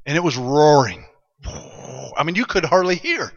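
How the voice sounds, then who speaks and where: High-voiced man preaching in a hall. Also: measured pace, gravelly, muffled recording. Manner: storytelling, building to excited shouts. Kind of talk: sermon. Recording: long hall reverb.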